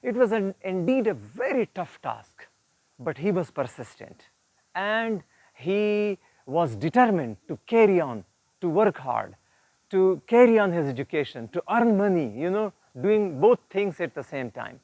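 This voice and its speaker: Speaking in a somewhat high, very animated and slightly mellow voice, a male storyteller and presenter informally retells an uplifting moral tale with earnest, didactic explanations. He pauses frequently and repeats words while searching for the next phrase, and the recording is very dry with almost no room reflection.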